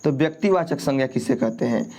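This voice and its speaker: A man's voice: medium pitch, animated, fast, a little mellow. A man teaching as an exam prep tutor, walking through grammar quiz answers step by step and often checking in with his listeners. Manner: repetitive, checks in with "ठीक है" often. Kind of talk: explaining a Hindi grammar quiz.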